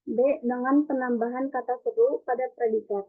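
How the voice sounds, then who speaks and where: A woman's voice: fairly high pitch, moderate pace. Young woman reading notes over a tinny line. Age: young adult. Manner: even, careful recitation of a script. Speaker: student presenter. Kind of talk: reading a class presentation. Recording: tinny phone-like recording.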